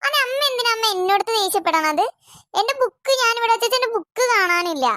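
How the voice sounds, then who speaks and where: A high, bright voice of a sulky older daughter in a cartoon, whining and accusing her younger siblings, as a woman puts her on. The recording is close and dry. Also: animated, fast, no echo, heavily acted. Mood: complaining. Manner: complaining, accusatory. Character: aggrieved teenage elder daughter, sulky and complaining.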